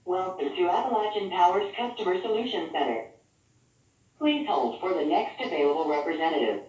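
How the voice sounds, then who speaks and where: A woman's voice: lowish voice, fairly quick. Woman's recorded phone-menu message, echoey. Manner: polite, even, scripted prompts. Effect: recorded phone message played over a phone speaker. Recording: very echoey phone speaker caught from far off.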